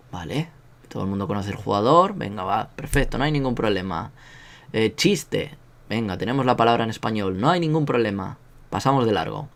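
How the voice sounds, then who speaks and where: A man with a Spanish accent from Spain, giving a casual online language lesson in a joking, self-mocking way and drilling sounds aloud. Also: medium pitch. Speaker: language teacher.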